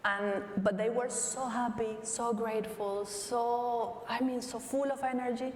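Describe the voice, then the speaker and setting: Recorded from far away in a big, echoing hall at a live event, a woman tech leader with a Venezuelan accent is interviewed onstage, earnest, slow, and thoughtful, often restarting what she says. Her slightly high, slightly mellow voice has fairly even intonation, with long reverb and faint hiss in the background.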